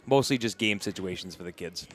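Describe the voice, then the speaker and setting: A man's voice: sits low, a little fast, soft background music. A man who coaches youth basketball, chatting casually and laughing easily as a guest. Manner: relaxed, laughs often. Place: school gymnasium.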